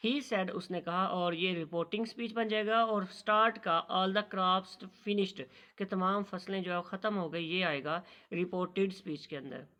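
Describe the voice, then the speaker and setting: A man giving a recorded lesson on punctuation, reading English lines slowly and explaining them patiently. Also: high voice, fairly even intonation, pushed and bright. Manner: slow, careful reading of English lines, then explaining in Urdu; addresses students as "beta". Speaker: teacher.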